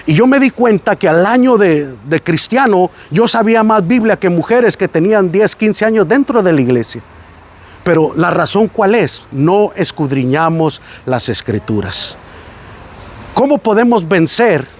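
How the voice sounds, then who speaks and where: A man's voice: high-pitched, a little slow. A man with a Mexican Spanish accent, preaching a sermon on a site visit and telling stories that act out the voices he quotes. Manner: animated storytelling, acting out quoted voices. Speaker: pastor.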